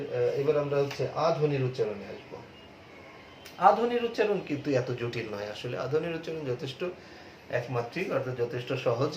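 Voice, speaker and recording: A male teacher giving a classroom lecture on pronunciation, explaining patiently, repeating points and drawing out example words slowly. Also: on the high side. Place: classroom with a board. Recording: echoey room, dull sound, faint hiss.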